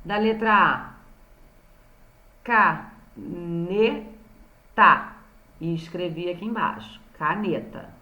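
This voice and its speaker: Speaking at a normal speed with few pauses, this woman has a lowish voice with a bright, forceful tone. She is a primary school teacher with a Brazilian Portuguese accent, recapping a remote lesson for young children and carefully sounding out words syllable by syllable. The audio is dull and carries a roomy echo.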